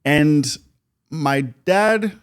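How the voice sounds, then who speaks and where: A man's voice: on the high side, expressive, very slow, clean tone. A man in his fifties from Canada, a podcast guest recounting his life in a reflective, conversational way, often laughing. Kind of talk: personal storytelling in conversation.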